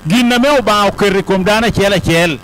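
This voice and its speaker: A man's voice: sits high, a little fast, fairly bright tone, poor audio. A man acting as interpreter, relaying a podium speech aloud phrase by phrase. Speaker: consecutive interpreter at a ceremony.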